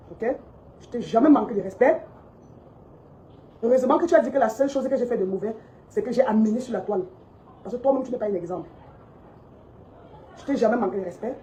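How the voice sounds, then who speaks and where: Woman, shop owner, scolding rant, rapid delivery, mellow tone, recorded on a phone. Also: on the high side, slight background noise, rough recording. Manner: indignant, scolding, repetitive. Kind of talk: heated monologue to followers. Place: her cosmetics shop.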